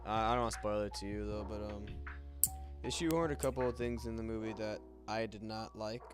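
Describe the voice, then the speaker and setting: A man's voice: fairly low pitch, steady tone, brisk. Hesitant young man with lo-fi beats. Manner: hesitant, full of ums and restarts. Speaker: co-host. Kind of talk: casual movie review chat. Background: lo-fi music.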